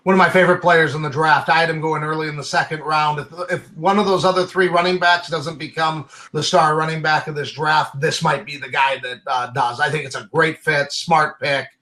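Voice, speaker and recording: A man's voice: on the high side, fairly even intonation, fairly quick, few pauses, pushed and bright. A man giving opinionated, casual sports commentary as a draft analyst.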